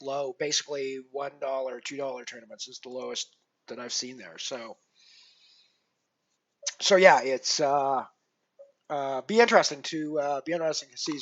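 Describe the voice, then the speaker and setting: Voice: medium pitch, highs cut off. A poker streamer chatting casually with live viewers, rambling along with plenty of fillers and restarts.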